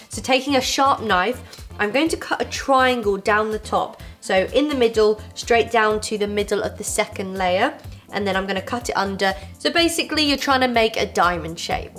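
A woman's voice: medium pitch, a bit bright. A young woman, hosting a baking tutorial from her home kitchen and giving friendly, reassuring step-by-step instructions. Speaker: baking show host. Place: home kitchen with fairy lights.

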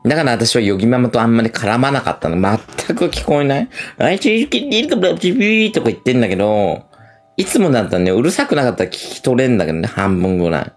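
A man's voice: fairly low pitch, big pitch swings, fast talker. A middle-aged man with an effeminate camp persona, chatting crudely and rambling in a casual livestream, laughing often.

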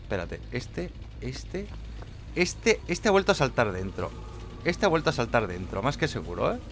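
A man giving live, mocking commentary while playing a horror game, jumping between loud outbursts and low muttering. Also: very animated, normal speed, a little hiss or hum. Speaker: gameplay streamer.

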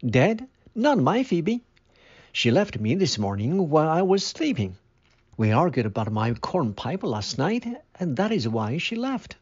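A man voicing a stubborn, sharp-tongued old grieving farmer in a read-aloud storybook, in a raised, pleading tone, on a dull lo-fi recording. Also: mid-range voice, very animated, normal speed. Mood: insistent.

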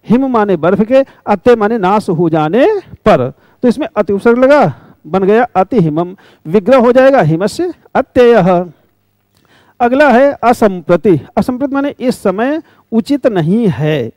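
High-voiced man teaching grammar. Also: darkish tone, no echo. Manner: explains step by step with questions and examples. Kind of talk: grammar lesson explanation.

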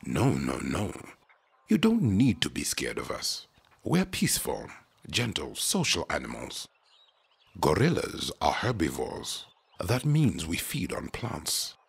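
Proud, gentle gorilla patriarch for kids' educational show; extremely low, raspy voice. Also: male voice, exaggerated voice. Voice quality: very deep, gravelly, husky. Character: proud gentle male silverback mountain gorilla, head of his troop. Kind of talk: scripted children's educational show.

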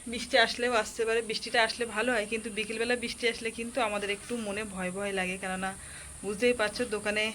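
A woman chatting casually to her viewers about her day at home. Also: mid-range voice. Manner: rambling homely chat addressed to viewers; speaks softly so a sleeping child won't wake. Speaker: vlogger. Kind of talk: casual chatty daily vlog. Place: home, indoors. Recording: noisy home phone recording.

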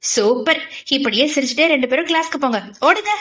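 A woman voicing a feisty teenage girl who scolds in a mock-stern, playful way for a storybook audiobook. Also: animated. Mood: mock-scolding. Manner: bossy mock scolding, quick and high.

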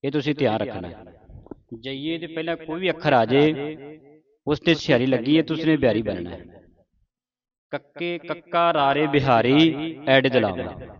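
Man chanting verse lines slow then explaining, crowd audible behind, kinda muffled audio. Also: fairly high pitch, animated. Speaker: scripture pronunciation teacher. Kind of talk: slow recitation lesson. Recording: dull lo-fi recording with crowd behind.

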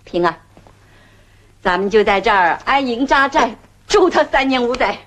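A woman's voice: fairly high pitch, lively intonation, moderate pace. A proud, blunt middle-aged woman from a 1970s film drama. She answers in short, cutting lines full of dry irony and does not back down. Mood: cutting, ironic. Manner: blunt, sharp, ironic.

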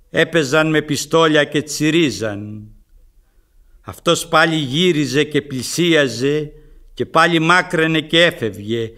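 A man giving a measured, deliberate scripted poetry recitation. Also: a little high, bright, forceful tone. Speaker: poetry reader.

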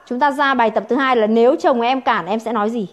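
A woman's voice: on the high side, fast. A woman training sales consultants, emphatic and full of rhetorical questions. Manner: emphatic, rhetorical questions, acts out quoted objections.

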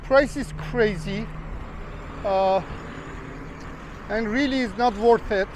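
Street traffic can be heard as a travel vlogger walks in the rain, talking to his viewers in a chatty, rambling way and calling them guys. He has a high voice and a slow pace.

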